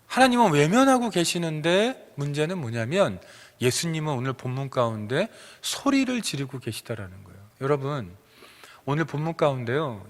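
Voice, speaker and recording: Earnest Korean pastor preaching in a reverberant church. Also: male voice. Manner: earnest preaching with rising emphatic peaks and soft low drops. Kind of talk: sermon. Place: church sanctuary. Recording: church sanctuary with long reverb.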